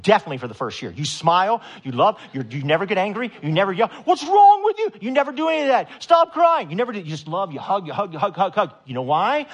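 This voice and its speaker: A man preaching a sermon to a congregation, animated and emphatic, with loud rising peaks. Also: a little high. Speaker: pastor.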